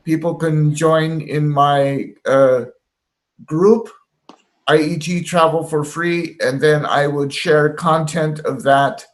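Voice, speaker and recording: Slow jovial man in his sixties. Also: on the high side, steady tone, poor audio. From Washington State, United States. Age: 60s. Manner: slow, jovial and encouraging, joking. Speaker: online class host. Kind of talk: casual online conversation. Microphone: video call.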